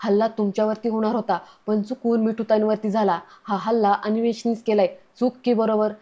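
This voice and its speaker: A woman reading the lines of a calm, firm young woman who comforts others and presses for the truth, in a serial recap. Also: medium pitch, a little fast, close to an everyday voice. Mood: insistent.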